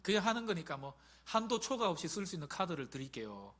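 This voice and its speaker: A man in his forties, a pastor preaching a sermon in an animated, emphatic way, with many rhetorical questions to the congregation. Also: sits high, fast talker. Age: 40s.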